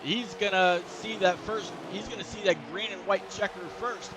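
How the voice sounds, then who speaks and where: Man, race commentator, slightly high pitch, talkative and digressive. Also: steady tone, moderate pace, background noise. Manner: chatty, digressive, many fillers. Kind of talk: sim racing commentary.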